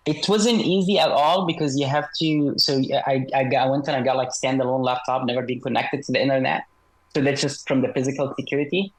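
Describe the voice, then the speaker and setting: Male interview guest, voice electronically disguised, mid-pitched and measured, hesitant delivery. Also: steady tone, rough recording. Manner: measured, hesitant, frequent "uh" fillers. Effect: voice electronically altered to disguise identity. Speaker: guest author, former special operations soldier. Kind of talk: interview over a video call.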